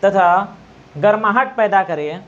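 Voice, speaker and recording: A male teacher giving an exam-prep grammar lesson, quizzing students, repeating answers and slowly demonstrating sounds. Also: high voice, lively intonation, a bit bright. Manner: quizzing, repeats answers, asks "okay?" often. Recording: dull lo-fi recording.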